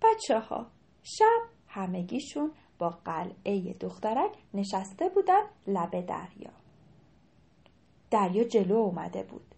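Animated woman reading a children's story. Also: medium pitch, creaky. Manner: animated, drops to hushed whispers for effect.

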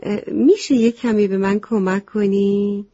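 A woman's voice: mid-range voice, fairly even intonation, warm tone, breathy edge, natural voice. A woman voicing a kind, friendly little sparrow. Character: small friendly sparrow, tired but kind. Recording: slightly muffled lo-fi recording.

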